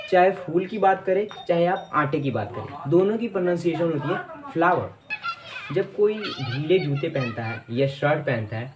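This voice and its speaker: A man teaching English pronunciation in Hindi, explaining each word patiently and repeating it slowly. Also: a little high, background noise. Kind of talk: explaining lesson to camera.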